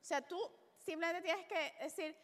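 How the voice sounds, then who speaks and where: High bright woman host, live podcast chat, echoey hall sound. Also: moderate pace. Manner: lively, mixes English into Spanish. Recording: reverberant live venue.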